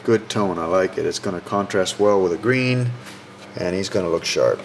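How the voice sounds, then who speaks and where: A man who builds models, narrating his build progress in a relaxed, unhurried way and pausing often with "uh". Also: sits low, a little hiss or hum. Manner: relaxed, unhurried, pauses with frequent "uh".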